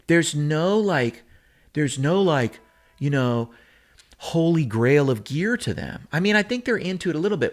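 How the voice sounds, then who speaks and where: Animated man riffing on guitar gear. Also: fairly high pitch. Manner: animated, opinionated, with frequent fillers and self-corrections. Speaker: guitar gear video host. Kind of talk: casual rambling monologue.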